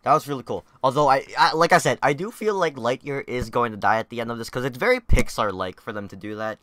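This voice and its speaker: Excitable young man reacting to a trailer. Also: medium pitch, fast talker, no room sound. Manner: excitable, swearing, laughing between thoughts. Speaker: reaction video host. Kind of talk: casual reaction commentary.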